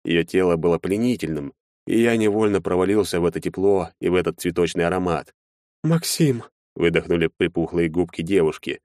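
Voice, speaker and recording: A man narrating a first-person audiobook in an expressive manner, changing his voice for each character. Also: deep voice, fairly quick, no echo, clean studio sound.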